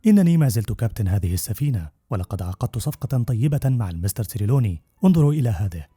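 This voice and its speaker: Man voicing Long John Silver, dark and sly. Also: lowish voice, big pitch swings, racing, breathy edge, no room sound, clean studio sound. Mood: wheedling. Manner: persuasive, wheedling. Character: sly smooth-talking one-legged male pirate captain. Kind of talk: audiobook character voice.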